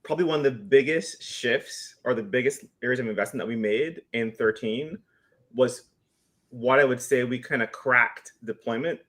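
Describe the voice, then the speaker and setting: A man's voice: medium pitch, moderate pace, a bit bright. Man talking casually on a video call. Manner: loose, joking, many restarts. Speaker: engineering team member. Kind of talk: casual live Q&A chat.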